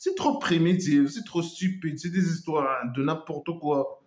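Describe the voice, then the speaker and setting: A man talks through a casual critical monologue in a slightly raised voice. He sounds scornful and mocking and keeps hesitating with trailing asides. The recording is roomy with a clear echo. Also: a little high, measured pace. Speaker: online commentator.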